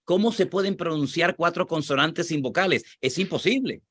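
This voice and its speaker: In a dry, studio-quality recording, a Spanish pastor with a Spanish accent explains scripture and responds to questions in a teaching tone. He repeats points for emphasis, and his slightly high, somewhat bright voice keeps a moderate pace.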